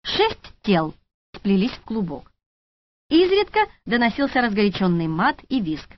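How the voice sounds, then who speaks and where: A woman reading a first-person audiobook with a wry, expressive delivery. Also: mid-range voice, unhurried. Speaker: audiobook narrator. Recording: lo-fi audiobook recording.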